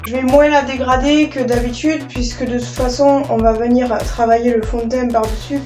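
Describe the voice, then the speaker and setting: Brief: woman beauty vlogger, high bright voice, chatty step-by-step talk, roomy echo. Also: steady tone, normal speed, soft background music. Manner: chatty, explains each step with fillers. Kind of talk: casual makeup tutorial narration.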